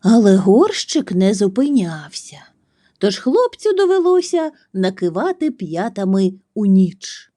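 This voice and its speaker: A woman reading a children's storybook aloud, expressive and animated. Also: mid-range voice, a little slow, no echo, clean studio sound.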